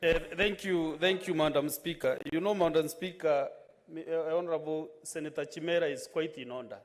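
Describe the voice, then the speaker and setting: A man's voice: fairly high pitch, fairly even intonation, fairly quick. A man with a Kenyan accent speaking as a senator in parliamentary debate, insistent and raising his voice, recorded in a large echoing chamber. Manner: insistent, raised voice. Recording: long echo of a large chamber.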